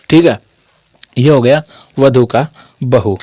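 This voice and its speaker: A man's voice: medium pitch, drawn-out words, dry recording, clean studio sound. A young man teaching a casual online Hindi grammar lesson, chatty and repetitive, with a sore throat from a cold. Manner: chatty, repetitive, jokey asides to students.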